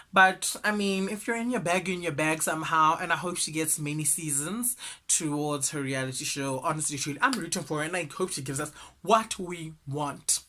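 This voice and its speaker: A South African man hosting a casual celebrity news show, chatty and animated, with gossipy asides. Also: high voice. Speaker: host.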